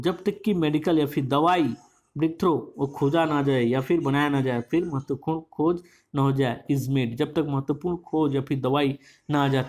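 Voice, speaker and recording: A teacher, reading newspaper lines slowly and explaining each phrase at length, with many repeats. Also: medium pitch, darkish tone. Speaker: English teacher. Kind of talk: bilingual newspaper reading lesson.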